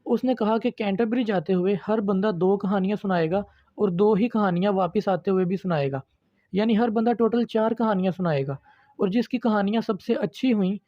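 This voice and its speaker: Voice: mid-range voice, normal speed, dry recording, muffled recording. An online literature lecturer giving a patient, step-by-step video lesson and addressing viewers as friends.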